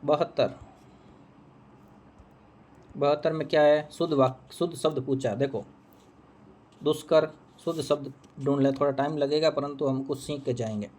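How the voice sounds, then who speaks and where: A man's voice: fairly high pitch, fairly even intonation, normal speed, pauses often, darkish tone. A man teaching Hindi, walking through an exam answer key, who repeats each answer and asks and answers his own questions.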